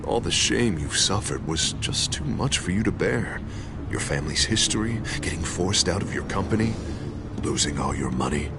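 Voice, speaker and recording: Very deep, gravelly gloating villain. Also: male voice, expressive, moderate pace, over loud music. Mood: gloating menace. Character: menacing, gloating villainous male mayor. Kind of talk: video game voice acting.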